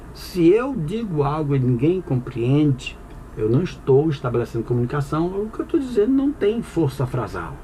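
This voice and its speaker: A man teaching a grammar lesson, his voice sitting a little high and swinging widely in pitch as he explains. He keeps checking in with the listener and answers his own questions. Faint ambient hiss sits behind him. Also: a little mellow. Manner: conversational with frequent "tá bom?" check-ins. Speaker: Portuguese teacher.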